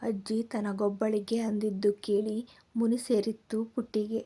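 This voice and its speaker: A woman storyteller reading a scripted story in a calm, measured way. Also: medium pitch, breathy edge.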